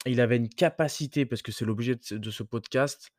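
A man hosts a casual motivational podcast, talking straight to the listener in loose, slangy speech full of fillers, restarts and the odd curse. His voice sits at an ordinary middle pitch, and the recording is dry and close with no room sound. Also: brisk, darkish tone, dry recording. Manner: hesitant, many fillers and restarts, crude slang. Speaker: podcast host.

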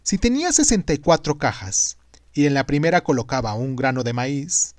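A man hosting and narrating a scripted story in a dramatic, emphatic way with deliberate pauses. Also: mid-range voice, expressive, a little mellow, no room sound, studio quality. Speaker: podcast host and narrator.

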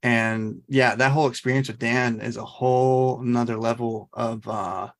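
An American man hosts a casual podcast conversation. His voice sits at a middle pitch with plenty of vocal fry. He comes across as informal, easygoing and agreeable. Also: steady tone, moderate pace. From Oregon, US. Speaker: podcast host. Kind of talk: casual chat interview.

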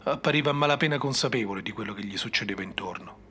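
A man narrating a fantasy story in a measured, dramatic reading. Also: on the low side, expressive, pushed and bright, slight background noise. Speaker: audiobook narrator.

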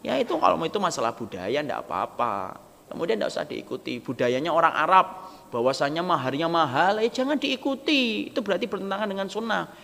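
A man's voice: on the high side, a little fast. A man preaching a humorous sermon, acting out little dialogues as he jokes with the crowd. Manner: lively, joking, acts out quoted dialogue. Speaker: Islamic preacher. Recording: gravelly voice with long hall reverb, faint background noise.

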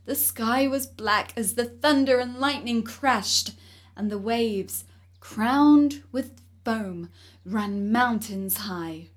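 A woman reading a fairy tale aloud in an expressive storytelling manner. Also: fairly high pitch.

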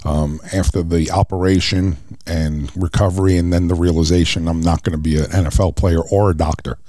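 A middle-aged former wrestler tells his life story in an interview. His voice sits low and sounds dry and close. He talks earnestly and livens up when he recounts what others said to him. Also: fairly even intonation, fairly quick, mellow, dry recording. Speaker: guest, former professional wrestler. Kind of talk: personal testimony in an interview.

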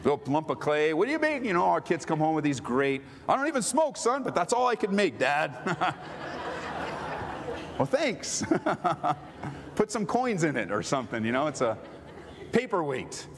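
A middle-aged male pastor preaching a sermon, swinging between loud pleading and quiet tender talk. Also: fairly high pitch, very animated, normal speed, big-room sound, a faint crowd, slight background noise.

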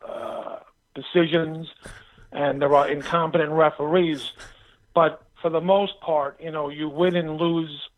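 A middle-aged man giving casual interview answers as a boxing pundit calling in by telephone. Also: fairly high pitch. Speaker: boxing pundit, phone-in guest. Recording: tinny phone line.

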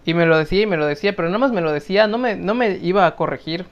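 A young man with a Mexican accent, telling work stories on a podcast in a casual, lively way, often laughing. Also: high voice, racing. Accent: Mexican Spanish. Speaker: podcast co-host. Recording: muffled lo-fi audio.

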